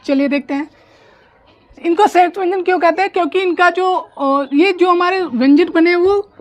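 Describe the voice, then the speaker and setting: A woman teaching an online grammar class, explaining step by step, drilling pronunciation slowly and often checking that students follow. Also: very high voice. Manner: slow, deliberate pronunciation drills.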